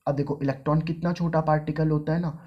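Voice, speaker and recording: A man's voice: on the high side, flat delivery, lo-fi sound. Man teaching physics in Hindi-English mix. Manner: casual, repeats key phrases slowly for dictation; mixes English terms into Hindi speech. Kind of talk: classroom physics lesson.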